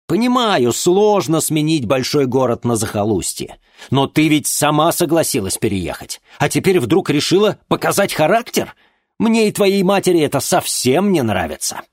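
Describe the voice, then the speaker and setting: A man voicing a strict, angry middle-aged father who scolds loudly in an audiobook. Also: medium pitch, very animated, normal speed, few pauses, no room sound, clean studio sound, voice pushed up. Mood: furious. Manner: loud, growling and scolding. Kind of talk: audiobook character voice.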